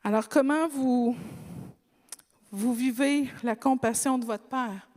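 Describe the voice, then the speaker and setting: A woman's voice: fairly high pitch, takes it slowly, darkish tone. Québécois woman preaching in a reverberant church. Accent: Québécois French. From Quebec. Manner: conversational, tells a childhood story with quoted dialogue. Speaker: pastor. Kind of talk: sermon with personal storytelling. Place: church sanctuary.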